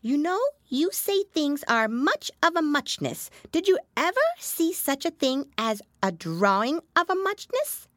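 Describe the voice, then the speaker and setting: A woman voicing a sleepy, sulky little male dormouse who talks in a slow, drowsy way for a storybook reading. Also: sits high, big pitch swings, fairly bright tone, no echo, studio quality, voice pushed up, heavily acted.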